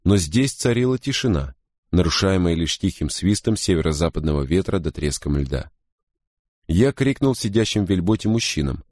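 A man reading a first-person story as an audiobook narrator, in a steady, grave way. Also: low voice, moderate pace, no room sound, studio quality.

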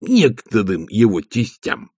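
A man reading an audiobook, voicing a slow, gloomy male servant who talks in a deliberate, matter-of-fact way. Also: lowish voice, huge pitch swings, dark tone, breathy edge, dry recording, studio quality, exaggerated voice. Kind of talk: audiobook character voice.

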